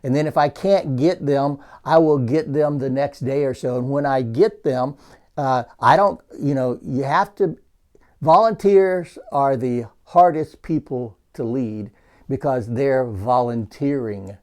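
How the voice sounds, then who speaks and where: A man's voice: mid-range voice, unhurried, a little mellow. A man, an associate pastor, teaching church leaders about volunteers in a conversational way, repeating points for emphasis.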